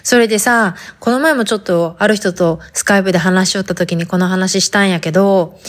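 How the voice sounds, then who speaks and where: A woman's voice: mid-range voice, steady tone, a little fast. A woman hosting a podcast in a chatty, casual monologue with a Hakata dialect, talking straight to the listener. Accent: Hakata dialect Japanese. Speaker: podcast host.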